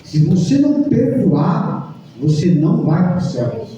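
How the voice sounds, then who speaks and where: A man with a high but very dark, mellow voice gives a halting personal testimony at a church service, repeating words and leaning on fillers. He is picked up from well away from the mic in a very echoey church hall, and the sound is dull and muffled. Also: sing-song, far from the mic, slight background noise. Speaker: church member giving testimony.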